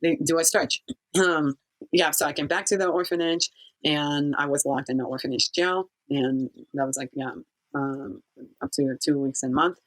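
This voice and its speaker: A woman's voice: low voice, fairly even intonation, poor audio. Give me a woman from Kazakhstan giving testimony in an interview, searching for words as she goes. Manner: halting, searching for words, frequent fillers. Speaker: interview guest.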